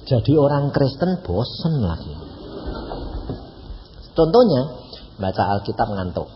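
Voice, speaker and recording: A man in his eighties with a Javanese accent, preaching as an evangelist in a folksy, animated storytelling manner full of mock dialogue. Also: medium pitch, a little slow. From Central Java, Indonesia. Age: 80s. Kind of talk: sermon. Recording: echoey hall, dull lo-fi, faint hiss.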